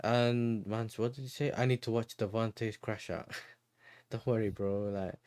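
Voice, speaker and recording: A man's voice: lowish voice, little pitch movement, a little slow, darkish tone, no echo. A young man hosting a casual football chat, full of slang and frequent laughter. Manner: laughs often, slangy banter. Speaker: host.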